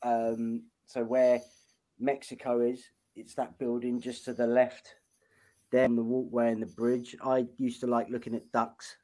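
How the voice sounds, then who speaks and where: A man's voice: medium pitch, monotone, a little slow, dark tone, rough recording. Casting: male podcast co-host, rambling and chatty, mid-range voice. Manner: rambling, chatty, lots of ums. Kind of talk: casual chat.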